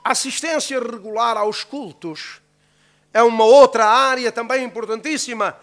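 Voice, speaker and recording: A man with a European Portuguese accent, a pastor teaching a Bible-school class in an emphatic preaching cadence that sometimes rises toward shouting. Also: very high-pitched, moderate pace. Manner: emphatic, rising to near-shouts, calls for "amen".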